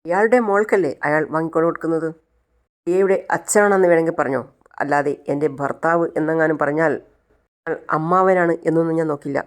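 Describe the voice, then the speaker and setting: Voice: medium pitch, brisk, natural voice. A storyteller voicing a proud, stubborn young mother who scolds her relatives in a recap of a TV serial. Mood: defiant. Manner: cutting, scolding.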